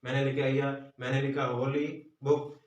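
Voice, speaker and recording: Echoey far-off Hindi-accented teacher. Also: male voice, mid-range voice, level tone, moderate pace, muffled recording. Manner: repeats questions and answers them himself. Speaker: grammar teacher. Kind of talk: classroom lesson. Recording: roomy echo, voice from far off.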